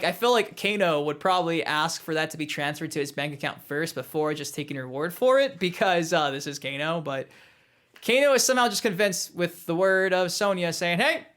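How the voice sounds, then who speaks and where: Young male movie reviewer, high, energetic, casual and animated delivery. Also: brisk. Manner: excitable, animated, mimics quotes.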